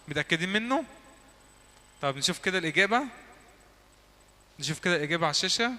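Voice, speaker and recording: A man with an Egyptian Arabic accent teaching a church class, quizzing the listeners and repeating words slowly so they echo them back. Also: high-pitched, pushed and bright. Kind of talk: lively classroom teaching with drills. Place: church hall.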